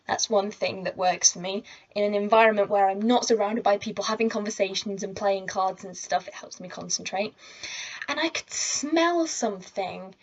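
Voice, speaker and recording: A woman's voice: mid-range voice, dull audio. Chatty teenage girl vlogging. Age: teens. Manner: chatty and rambling, with frequent asides. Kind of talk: casual storytelling to camera. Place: indoors at home. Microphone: laptop or camera mic.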